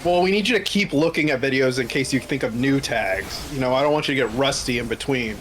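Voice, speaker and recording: A man's voice: medium pitch, quick pace, a bit bright. A man co-hosting a casual gaming show, teasing the others in a dry way.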